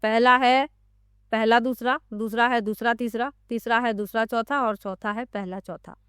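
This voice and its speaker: A woman teacher with a smooth, clear and slightly high voice works steadily through exam questions. She reads each set of options and then explains why one answer is correct. The recording is close and dry, with no room sound. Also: fairly even intonation, normal speed, fairly bright tone, no echo.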